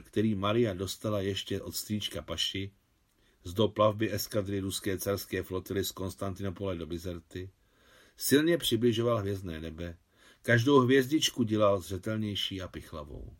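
A man, the translator of a novel, giving a measured, even reading of it aloud. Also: lowish voice. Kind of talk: literary audiobook reading.

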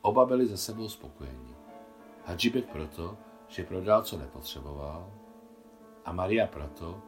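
A man reading his translation of a novel aloud in a calm, measured storytelling manner. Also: sits low, faint music behind. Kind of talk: audiobook narration.

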